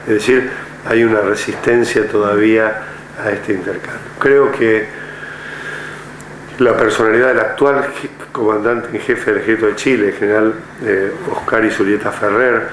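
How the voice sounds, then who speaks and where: A man's voice: lowish voice, fairly even intonation, moderate pace. An older man from Argentina, a retired army general, speaking measuredly in an oral history interview with many hesitant fillers. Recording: echoey room with faint noise.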